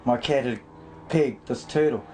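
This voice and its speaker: A man's voice: mid-range voice, unhurried, warm tone. A man with a New Zealand accent chatting in a casual, rambling, emphatic way. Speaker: interviewee showing his home and pets. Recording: noisy amateur on-location video recording.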